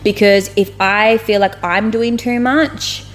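A woman co-hosting a casual podcast chat, rambling and blunt, with plenty of swearing and animated retellings. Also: mid-range voice, slow pace. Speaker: podcast co-host.

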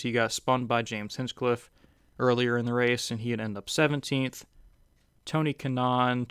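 Male recap host, casual and chatty, smooth resonant voice, dry close sound. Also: mid-range voice, a bit bright, dry recording. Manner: conversational, with frequent "uh" fillers. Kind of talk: casual race recap commentary.

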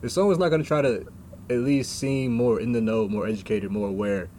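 A young man in casual conversation, making his points in a measured, thoughtful way. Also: mid-range voice, fairly even intonation, darkish tone, a little hiss or hum. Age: young adult. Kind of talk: casual chat.

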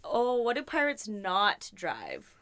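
A woman's voice: mid-range voice, slow pace. A young woman co-hosting a podcast, joking playfully in casual chat. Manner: playful, joking, lively delivery. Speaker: podcast co-host.

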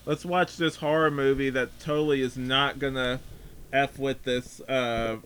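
A man's voice: mid-range voice, fairly even intonation, measured pace, fairly bright tone, smooth. A man chatting casually as he reviews a film, rambling and leaning heavily on filler words. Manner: rambling, filler-heavy, says "like" often. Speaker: podcast movie reviewer.

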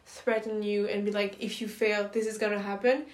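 A woman talks through films with friends in a level, even voice, now and then stopping to rephrase herself. The recording carries a clear echo from the room around her. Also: medium pitch, normal speed. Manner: thoughtful, self-correcting. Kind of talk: casual film discussion. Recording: roomy echo.

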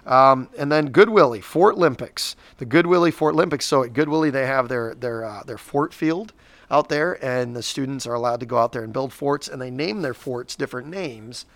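A man's voice: mid-range voice, normal speed, fairly bright tone, dry recording. A man in his forties co-hosting a local school podcast, talking casually and rambling, with frequent restarts. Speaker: school district podcast co-host. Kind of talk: casual chat.

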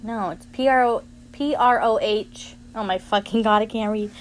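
A woman's voice: mid-range voice, moderate pace, a little hiss or hum. A young woman co-hosting a casual podcast, a bit tipsy, laughing and stumbling as she reads aloud. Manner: laughs a lot, stumbles reading aloud, swears. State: feeling tipsy and queasy. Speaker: podcast co-host. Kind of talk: casual chat.

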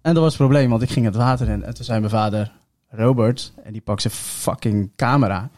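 A man's voice: fairly low pitch, fast talker, a little mellow. A young man co-hosting a casual podcast chat, telling rambling stories full of fillers and casual swearing. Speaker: podcast co-host. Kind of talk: casual chat among friends.

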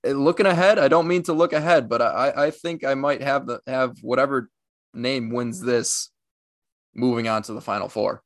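A man's voice: medium pitch, normal speed, no echo, clean studio sound. A man co-hosting a casual podcast, easygoing and hesitant, often restarting his sentences. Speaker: podcast co-host.

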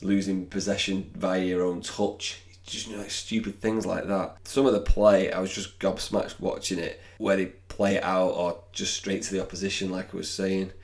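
A man's voice: low voice, level tone, normal speed, few pauses. A man co-hosting a podcast in casual football chat, hesitant, often repeating himself and trailing off. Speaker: podcast co-host.

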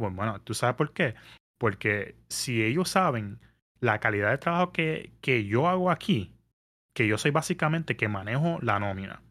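A man, telling a story in casual podcast chat, animated and mixing in English words. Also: mid-range voice. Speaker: podcast guest. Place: New York area.

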